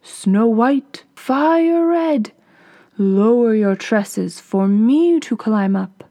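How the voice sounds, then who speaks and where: A woman's voice: fairly high pitch, lively intonation, drawn-out words, warm tone, heavily acted. A woman voicing a bold young prince who calls out in a raised voice. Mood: eager. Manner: calling out, raised voice.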